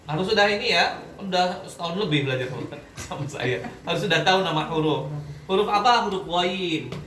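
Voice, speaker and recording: A man with a high, bright, pushed voice teaches a classroom Quran recitation lesson at a fairly quick pace. He often quizzes his students and checks that they understand. Heard from a distance in an echoey room, he comes with faint background noise.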